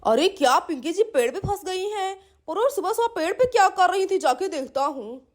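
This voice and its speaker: A woman voicing a young husband in a doll-play story, pushing her voice low, joking and chiding. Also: lively intonation, normal speed. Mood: grumbling. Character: deep-voiced young husband, easygoing and teasing.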